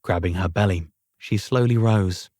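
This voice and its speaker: A man narrates an audiobook in a measured, even storytelling manner. His voice sits on the low side, and the recording is dry and close, with no room sound. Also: dry recording. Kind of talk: scripted narration.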